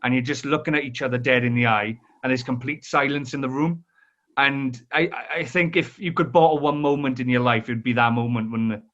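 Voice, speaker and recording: A Welsh man with a medium-pitched, steady, slightly bright voice talks fairly quickly while hosting a casual podcast conversation. He guides it with friendly leading questions and slips in anecdotes of his own. The audio sounds slightly dull and lo-fi.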